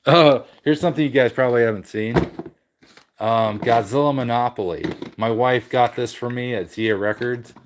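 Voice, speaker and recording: Speaking at medium pitch and normal speed over a little hiss or hum, a man hosts a relaxed livestream from his game room. He greets viewers and rambles about his collection, frequently starting over and correcting himself.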